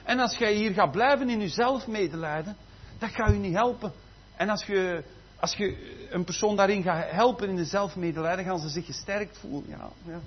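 Pastor, goes quiet then booms out, highish voice, bit dull lo-fi sound. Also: male voice, normal speed. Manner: swings between soft asides and loud emphatic preaching. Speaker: preacher. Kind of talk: sermon. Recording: slightly muffled, faint background noise.

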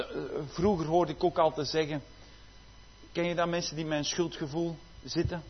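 A man preaching a sermon, swinging from loud exclamations to quiet asides, with frequent hallelujahs. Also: on the high side, muffled recording, a little hiss or hum.

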